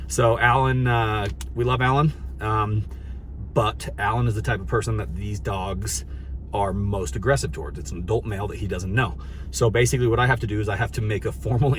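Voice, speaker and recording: A man's voice: on the low side, background noise. A man hosting a vlog, explaining casually with many fillers and restarts. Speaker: vlog host. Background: background music.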